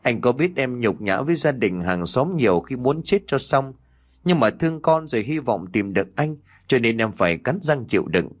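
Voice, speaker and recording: A man's voice: medium pitch, sing-song, moderate pace, close to an everyday voice. A man voicing a young village woman who has been abandoned, speaking in a sobbing, pleading way in a spoken ghost story. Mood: tearful, reproachful. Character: young village woman, tearful jilted lover.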